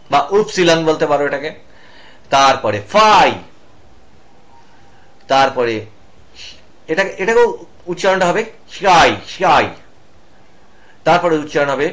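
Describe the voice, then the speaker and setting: A man's voice: on the high side, fairly bright tone. Patient Bengali-speaking male teacher. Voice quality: patient, explanatory, spells out each symbol slowly. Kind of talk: online lesson to students.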